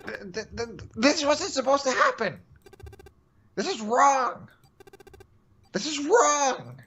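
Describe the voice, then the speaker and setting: An amateur actor playing a panicked, trapped man who stammers and shouts desperate pleas. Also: low voice, sing-song, normal speed, gravelly, muffled recording, a little hiss or hum, voice pushed down, heavily acted. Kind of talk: amateur dramatic reading.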